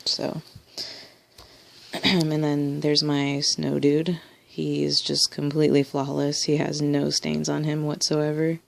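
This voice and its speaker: A woman's voice: deep voice, completely flat delivery, takes it slowly, gravelly. A woman collector casually showing her toys on video, rambling with many ums and restarts. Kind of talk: casual show-and-tell video.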